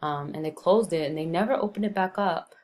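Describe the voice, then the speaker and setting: Narrating a screen-recorded neighborhood tour, this young Brooklyn, New York woman rambles casually, dropping plenty of ums and likes. She talks briskly in a lowish register, with a little background noise behind her.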